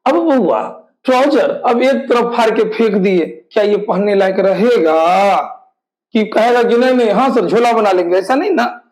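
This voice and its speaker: Male teacher, very high voice, slow delivery, repetitive drilling, rhetorical questions. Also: darkish tone, rough recording. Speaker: English teacher. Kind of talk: exam-prep classroom lesson.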